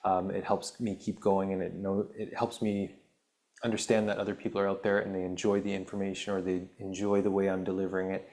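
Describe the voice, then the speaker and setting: This spiritual healing podcast host reads an article aloud, then wanders into casual talk peppered with ums. His low, slightly mellow voice is delivered flatly and a little fast, and it turns raspy along the way.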